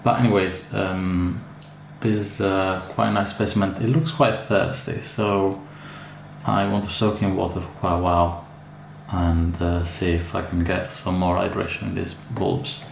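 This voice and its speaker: Italian man with a low, gravelly voice. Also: flat delivery, a little slow. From Italy. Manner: hesitant, many fillers and restarts, chatty asides. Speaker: orchid grower. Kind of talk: casual unboxing vlog. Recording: echoey room with faint ambient noise.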